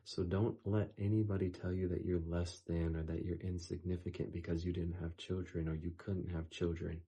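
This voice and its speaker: A man talking in a casual faith-based vlog, earnest and emphatic, repeating words for stress, his voice going hoarse. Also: low-pitched, little pitch movement, moderate pace, warm tone. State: losing his voice. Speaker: YouTuber.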